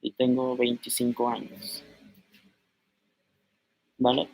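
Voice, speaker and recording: A young man in his twenties, from Mexico, giving an informal language lesson and slowly repeating words as he writes them out. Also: mid-range voice, flat delivery, gravelly, a little mellow, husky. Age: 20s. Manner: slow, repeats words aloud while writing on a board. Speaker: language teacher.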